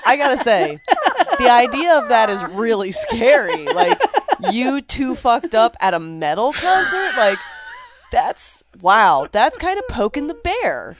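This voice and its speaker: A woman co-hosting a casual chat, blunt and quick-witted, swearing freely. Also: on the high side, very animated, crowd noise.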